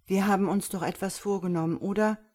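Woman voicing a steady, urging male creature leader. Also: mid-range voice, fast, lightly acted.

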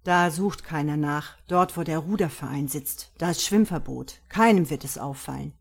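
A woman reading an audiobook voices a sonorous, stern man who calmly plots to get rid of someone. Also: low-pitched, moderate pace, vocal fry, husky, heavily acted. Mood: scheming. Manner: stern and decisive. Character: middle-aged man, sonorous, scheming, firm.

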